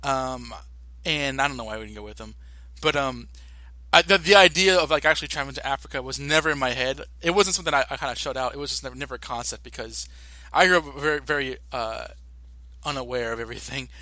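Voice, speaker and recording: A young American man co-hosting a podcast in casual, animated talk, often restarting his sentences. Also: mid-range voice, no echo. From United States. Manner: animated, halting with many restarts and fillers. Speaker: podcast co-host.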